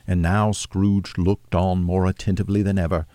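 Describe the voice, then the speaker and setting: A man narrating a classic novel as an audiobook, with measured, steady storytelling. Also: deep voice, no room sound.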